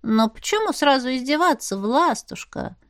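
A woman's voice: high voice, expressive, normal speed, dry recording, studio quality, pitched above the performer's own voice. A woman reading as a cheeky male wolf familiar, sly and mocking, who needles his witch. He talks in a teasing tone in a fantasy audiobook.

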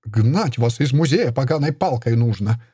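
A man voicing a self-righteous Soviet woman official who shouts accusations in a sing-song, triumphant way. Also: medium pitch, expressive, normal speed, slightly rough, no echo, clean studio sound. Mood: triumphant shouting.

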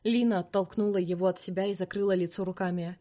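Woman reading an audiobook, dramatic and steady, dark mellow voice. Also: medium pitch, fast. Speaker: audiobook narrator. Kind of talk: expressive scripted narration.

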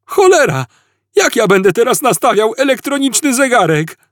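A man voicing a bewildered young Englishman who yells in frantic, shrill panic. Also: lively intonation, unhurried, no room sound, clean studio sound. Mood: panicked.

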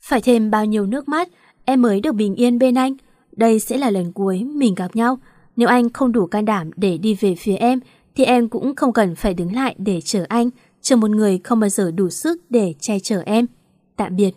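A woman's voice: mid-range voice, normal speed, dark tone, dry recording, clean studio sound, lightly acted. A woman reading the lines of a torn, tearful young woman in an emotional, questioning lament. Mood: anguished.

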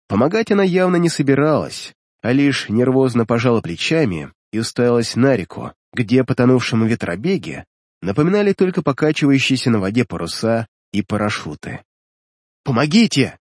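Brief: male narrator, husky voice, lively pitch, dramatic first-person fantasy reading. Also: a little fast, no room sound, clean studio sound. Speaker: audiobook narrator.

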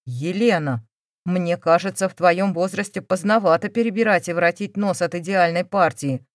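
A stern, domineering older mother, as a woman reads her part, scolding and indignant with a loud, sharp edge. The pitch sits in a middle register and the recording is dry and close. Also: moderate pace, no echo, close to an everyday voice. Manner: scolding, raised voice.

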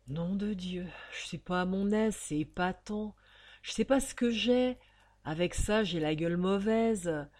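A woman's voice: medium pitch, a little mellow, natural voice. A woman reciting verse as a starving, shivering old male prisoner, plaintive and partly whispered.

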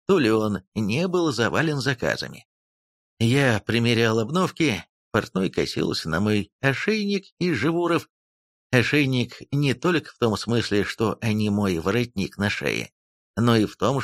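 A man narrating a first-person fantasy audiobook in an expressive, sardonic storytelling manner. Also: mid-range voice, dry recording, studio quality.

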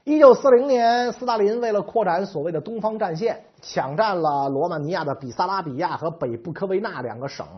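Husky man telling history with jokes. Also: high voice, fairly quick, hardly any pauses. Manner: colloquial, joking, animated. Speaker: history storyteller. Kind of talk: comic history storytelling. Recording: slightly dull lo-fi recording.

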